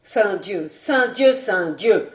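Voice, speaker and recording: A woman voicing a scheming, hot-tempered male nobleman in an audiobook, blustering and then falsely smooth. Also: lowish voice, expressive, a little slow, a little mellow, reverberant. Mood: angry.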